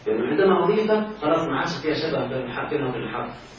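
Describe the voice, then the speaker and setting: Speaking rapid-fire in an expressive mid-range voice, a man with an Egyptian accent teaches Arabic grammar in a classroom and keeps quizzing students on whether they follow. The room is very echoey, the mic far off, the sound dull with faint hiss.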